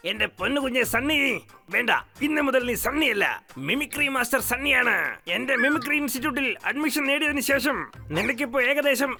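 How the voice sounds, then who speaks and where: A cackling high gravelly teacher. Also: male voice, fairly quick, bright, forceful tone, soft background music, full character voice. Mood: teasing. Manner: cackling, teasing. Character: cackling male mimicry teacher, boastful. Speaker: mimicry teacher. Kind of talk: dubbed cartoon acting.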